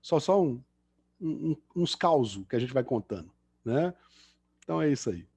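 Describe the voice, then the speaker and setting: At the close of an online lecture on a video call, a middle-aged guest engineer from Belo Horizonte chats and jokes in a Mineiro Brazilian Portuguese accent. His mid-range voice has lively intonation, a moderate pace, and a slightly mellow, breathy edge on a dry recording; he's a chatty, self-mocking joker full of fillers.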